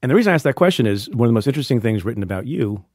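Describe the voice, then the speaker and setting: Guy hosting a podcast in the studio, average pitch, kinda wry and joking, super dry close sound. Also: very animated, racing, a little mellow, no room sound. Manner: wry, playful questioning. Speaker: podcast host. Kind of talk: conversational interview. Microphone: studio microphone.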